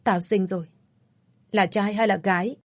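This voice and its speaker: A woman's voice: mid-range voice, fairly even intonation, moderate pace, no echo, studio quality, lightly acted. A woman voicing a frail young mother who pleads in a trembling voice. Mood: weak. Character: young mother, frail and frantic over her newborn.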